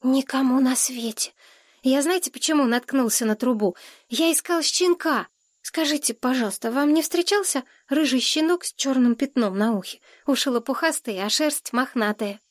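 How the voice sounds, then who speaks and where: A woman's voice: sits high, moderate pace, no room sound, studio quality, pitched above the performer's own voice. A woman voicing a timid eager young boy. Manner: hesitant, anxious questions. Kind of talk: audiobook character voice.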